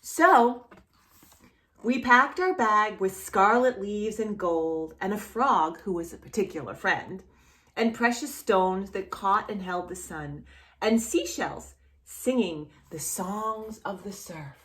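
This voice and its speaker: At an unhurried pace and with a highly animated, swooping voice, a woman storyteller and channel host reads a children's story to little kids. She's playful and expressive with exaggerated reactions, addressing the child directly and asking questions as if waiting for answers.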